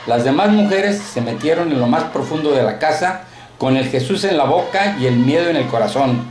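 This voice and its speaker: A man reading a short story aloud in a steady, colloquial narrating manner, recorded in an echoey room. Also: fairly high pitch, normal speed, faint music behind.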